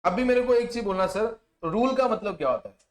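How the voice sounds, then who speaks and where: A man, teaching a tax class and quizzing students with repeated questions, sometimes dropping to a soft, low voice for asides. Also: animated, a little fast. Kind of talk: classroom lecture. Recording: echoey room.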